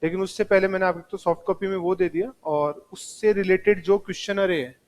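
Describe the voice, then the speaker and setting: Man, high pitch, classroom lecture, talks straight to students, mixes in English terms. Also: fairly even intonation, fairly quick, darkish tone. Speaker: teacher.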